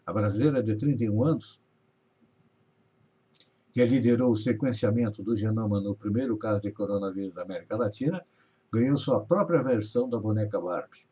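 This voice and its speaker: A man's voice: fairly low pitch, fairly quick, dark tone, husky. A man from Brazil hosting a live news show, reading regional headlines and stories with rising emphasis. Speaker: news host. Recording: dull lo-fi audio.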